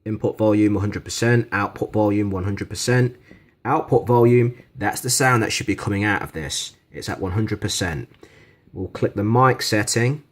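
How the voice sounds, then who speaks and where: Speaking at a moderate pace with a lowish voice, a man reviews a gadget indoors in his kitchen. His demonstration is casual and conversational, and he doesn't hold back his criticism.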